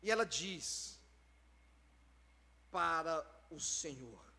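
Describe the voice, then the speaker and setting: A man's voice: a little high, animated, drawn-out words, gravelly, sharp tone, big-room sound. A man with a Brazilian accent preaching a sermon in a church, emphatic and dramatic.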